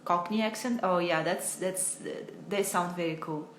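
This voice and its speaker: A woman's voice: on the low side, unhurried, a bit bright, slight background noise. Roomy-sounding American woman teacher chatting. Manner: chatty, hesitant, self-deprecating. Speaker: English teacher. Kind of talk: casual livestream chat. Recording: roomy echo.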